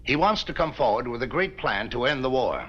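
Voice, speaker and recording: An actor playing a dignified territorial governor who speaks in a formal, oratorical manner. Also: male voice, mid-range voice, animated, brisk, a little hiss or hum, lightly acted. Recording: dull 1950s TV soundtrack.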